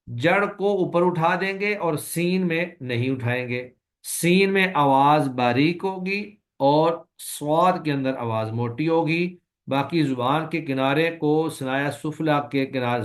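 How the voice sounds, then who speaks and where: Patient man teaching letter sounds. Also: on the high side. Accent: Pakistani Urdu. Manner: slow, patient explanation with drawn-out sample sounds. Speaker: Quran recitation teacher. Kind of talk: recorded lecture on letter pronunciation.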